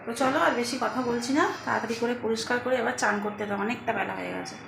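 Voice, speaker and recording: A woman's voice: a little high, rapid-fire, vocal fry, echoey room. A woman in her thirties chatting casually to her viewers while she cooks and cleans in her home kitchen. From Bengal. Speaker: vlogger. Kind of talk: casual vlog narration to viewers.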